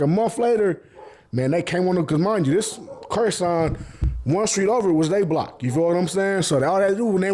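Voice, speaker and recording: With a high-pitched and slightly mellow voice, a man hosts a podcast and spins casual stories. He uses street slang, swears a lot, and breaks into frequent laughter.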